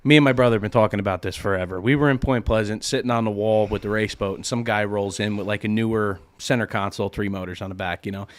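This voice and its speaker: A man hosting a casual podcast chat, laughing often and telling lively stories. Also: on the low side, fast, few pauses, no room sound. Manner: laughs often, animated storytelling. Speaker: podcast host.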